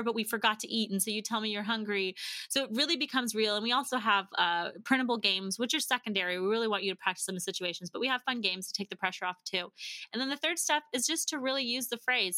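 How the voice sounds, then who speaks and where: In a dry recording, a woman whose voice is a little high, fast and sharp talks as a podcast guest and founder of a language-learning company. She explains through animated conversational storytelling, chatty and acting out quoted dialogue.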